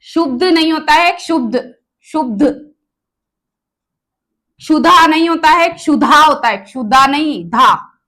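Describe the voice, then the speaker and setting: A woman's voice: sits high, slow, long pauses, pushed and bright. A woman teacher giving an exam-prep grammar lesson, repeating each word and quizzing her students on the right form.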